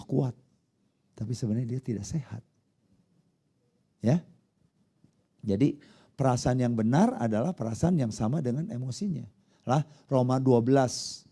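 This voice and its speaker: A pastor preaching a conversational sermon, often putting questions to the congregation. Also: male voice, mid-range voice, warm tone, breathy edge.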